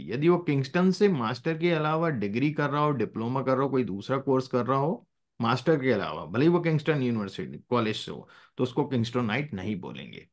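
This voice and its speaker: A male teacher runs a live class in a medium-pitched voice that rises and falls a lot as he explains. He mixes in English phrases and keeps pausing to make sure everyone is following.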